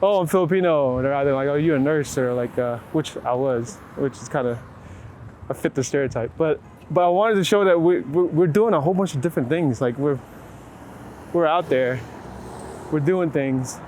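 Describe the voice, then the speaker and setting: In an outdoor city interview with traffic noise and urban background, a middle-aged male photographer has a slightly high voice with a darkish tone. His answers are casual and reflective, delivered haltingly with heavy fillers and repeated rewording.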